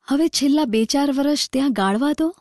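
A woman doing a weary, gentle old gardener. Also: high voice, brisk, no echo, clean studio sound, natural voice. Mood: pleading.

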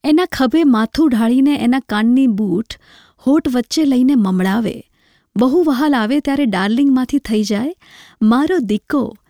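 A woman narrating a literary short story in a measured, reflective way. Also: sits high, mellow, no room sound, studio quality.

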